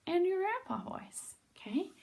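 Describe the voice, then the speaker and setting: A friendly storybook bumblebee, voiced by a woman coaxes the others along with a lively, up-and-down lilt. The voice stays near an ordinary woman's speaking pitch. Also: measured pace, gravelly, heavily acted. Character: easygoing bumblebee who likes to sing.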